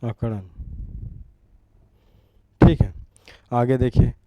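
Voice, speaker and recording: Dark-voiced man teaching Hindi word forms. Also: mid-range voice, drawn-out words, no echo. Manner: repeats each word and asks rhetorical questions. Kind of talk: exam-prep Hindi grammar lesson.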